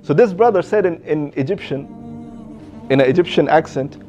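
A man telling a religious story in a casual, halting way, with many restarts and Arabic phrases, on a dull lo-fi recording. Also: fairly high pitch, lively intonation, mellow, faint music behind.

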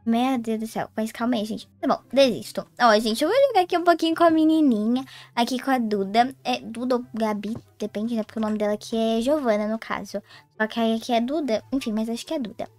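A woman's voice: fairly high pitch, fairly quick, darkish tone, no room sound. A young Brazilian woman with a Brazilian Portuguese accent, chatting casually to viewers as she plays a game, with sing-song greetings. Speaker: gaming YouTuber. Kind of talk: casual gameplay commentary.

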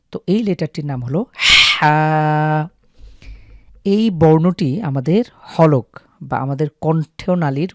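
A man teaches Arabic letter pronunciation in a calm, step-by-step way, stopping to draw out each sample sound. His voice sits a little high. It is recorded close and dry, with no room echo. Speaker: Quran recitation teacher.

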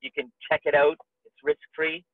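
A man with a fairly high voice talks listeners through a cheerful, persuasive motivational pitch. His voice comes through dry and tinny, like a phone line. He keeps asking questions to pull his audience in. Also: flat delivery, normal speed, dry recording. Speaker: webinar co-host. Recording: dry, tinny call audio.

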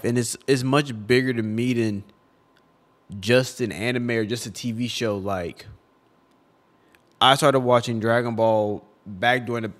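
A young video creator, close to tears, records an emotional tribute vlog at home in his room among collectibles. His mid-pitched, fairly bright, ordinary voice stumbles and repeats words, and his casual, slang-filled speech is heartfelt and broken up.

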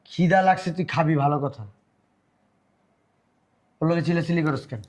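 A man's voice: on the high side, normal speed, darkish tone, lo-fi sound, natural voice. A stern, hardworking elder brother, played by a man in a family drama. He scolds his sibling in a slightly raised voice. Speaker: actor. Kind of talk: village family drama acting.

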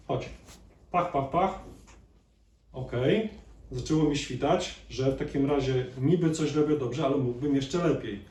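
With a medium-pitched, slightly mellow voice, a male chiropractor gives a chatty live lecture, regularly questioning those listening. The lecture hall sounds echoey, picked up by a distant mic with faint noise.

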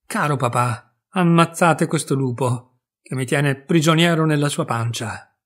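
A man voicing a tiny, bold and cheeky boy hero who shouts and boasts, in a storybook reading. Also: on the high side, measured pace. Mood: pleading.

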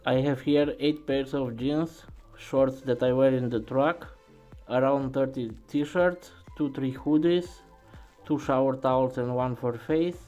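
A truck driver reads a scripted voice-over, listing one item after another in a plain, steady, unhurried way. His pitch is in the ordinary middle range for a man, soft music plays faintly behind him, and the recording quality is low.

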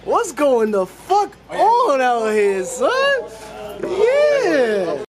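A man's voice: very high-pitched, huge pitch swings, very slow. A young man in his twenties vlogging at an outdoor rooftop party, joking and hyped up. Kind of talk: casual vlog narration. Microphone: handheld camera mic. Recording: loud party music and crowd noise. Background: loud hip hop music and a party crowd.

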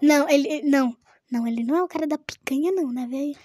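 A young girl playing a game with a friend, excitable, often shrieking and laughing. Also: sits high, rapid-fire, noisy background. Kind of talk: playful game chatter.

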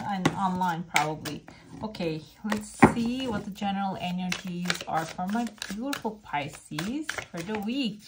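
Casting: female fortune teller, English as a second language, mid-pitched voice, informal card and cup reading addressed to the viewer. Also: noisy background. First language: not English. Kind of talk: casual coffee cup and oracle card reading to camera.

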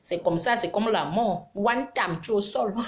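A middle-aged woman, giving casual advice on a live stream in an animated, preachy but teasing way. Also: medium pitch, a little hiss or hum. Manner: animated, preachy and teasing, mixing scolding with affection.

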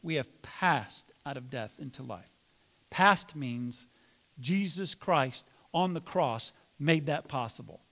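A man preaching a sermon as pastor, questioning his congregation directly and sometimes mock-yelling. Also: medium pitch, lively intonation, slow, long reverb tail. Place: church sanctuary.

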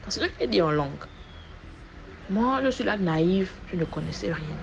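Woman telling her testimony, kinda low and creaky, gets loud and repeats herself, muffled recording w some faint noise. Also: normal speed. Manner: animated retelling with sudden loud rises and repeated words. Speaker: guest giving a personal testimony. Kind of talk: personal testimony storytelling.

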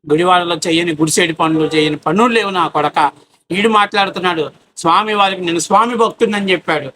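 A man delivering an angry, abusive political rant, taunting his target with rapid rhetorical questions. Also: sits high, background noise. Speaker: political commentator.

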